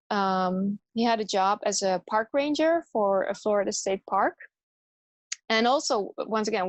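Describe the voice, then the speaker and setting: A woman's voice: mid-range voice, dry recording. A woman from the Netherlands, a yoga teacher, chatting casually as an interview guest and laughing often.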